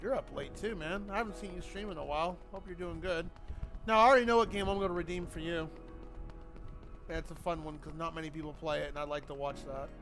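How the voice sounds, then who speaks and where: A man live streams a game and talks in a loose, rambling, sweary style, just casual chat while he plays. His voice sits on the high side, fairly bright, and he talks fast. Video game music plays in the background.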